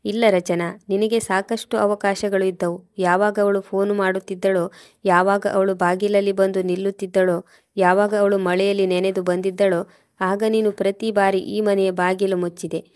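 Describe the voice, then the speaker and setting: A woman's voice: medium pitch, little pitch movement, moderate pace, darkish tone, no room sound, studio quality, lightly acted. Stern accusing husband, read by a woman. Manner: accusing, harsh. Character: stern betrayed husband, angry and cold.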